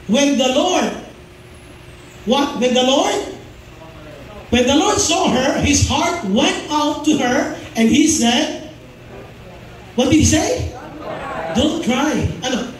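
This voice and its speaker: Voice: sits high, slight background noise. A pastor preaching a sermon in a mix of Tagalog and English, who often asks the congregation questions and repeats key phrases. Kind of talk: Taglish sermon. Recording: very echoey hall, mic far off.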